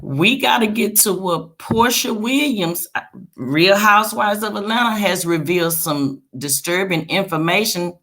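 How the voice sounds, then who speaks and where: A woman hosting a casual celebrity gossip livestream, chatting straight to her viewers with frequent check-in tags like a quick okay. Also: mid-range voice, fairly bright tone, low-quality recording.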